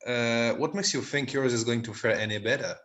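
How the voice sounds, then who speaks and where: Over a video call, a man with a medium-pitched, fairly bright, natural voice reads briskly. In a village drama group's amateur play reading, he wryly plays a hesitant, stammering married man who builds the sets.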